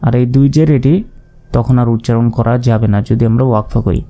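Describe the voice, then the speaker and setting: A man's voice: medium pitch, fairly even intonation, fast talker, warm tone. A man with a Bangladeshi Bengali accent teaching Quran recitation step by step, patiently spelling out letters and vowel marks and repeating each syllable.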